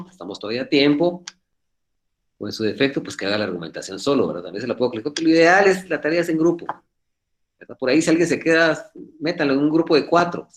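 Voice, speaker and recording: Man, law professor, online class, video call, quick earnest fatherly talk, middle pitch. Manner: talks fast, admits he speaks too quickly.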